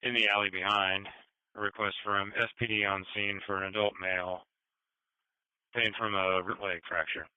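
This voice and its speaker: Low, monotone male dispatcher on radio. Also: normal speed, clean tone, no room sound. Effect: two-way radio. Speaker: emergency dispatcher. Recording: narrowband scanner radio.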